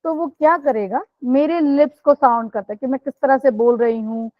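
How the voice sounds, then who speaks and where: A woman with a high voice speaks as a police sub-inspector in an online webinar. She explains earnestly and turns to her listeners directly. The sound is dull, like a lo-fi call, and dry, with no room echo. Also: normal speed. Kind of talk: webinar talk. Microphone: video call microphone.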